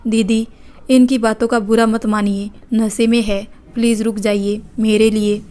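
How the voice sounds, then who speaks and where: A woman voicing a gentle, obedient young wife in a read-aloud family story. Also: a little high, little pitch movement, a little slow, natural voice. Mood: pleading. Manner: polite, pleading.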